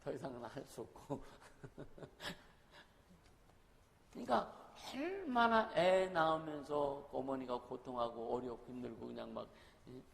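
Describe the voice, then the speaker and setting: A man's voice: mid-range voice, steady tone, moderate pace, creaky. A man pastor preaching a sermon in a conversational way, often asking the congregation questions. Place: church sanctuary. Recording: long reverb of a hall, faint noise.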